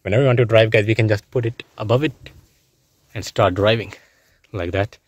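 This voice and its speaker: A young man with a somewhat low voice chats excitedly into a handheld phone from inside a car blanket fort. He keeps calling out to his viewers as guys. Faint noise and clicks sit under the close phone sound. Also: fairly quick. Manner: chatty, says guys constantly, excited. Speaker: vlogger. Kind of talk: casual vlog narration. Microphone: handheld phone camera.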